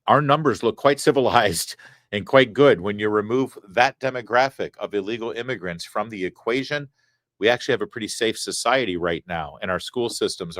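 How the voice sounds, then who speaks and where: A man with a lowish, fairly bright voice reads viewer super chats aloud on his live talk stream, tossing in wry, chatty remarks. It's a casual chat from a studio set, with no room sound.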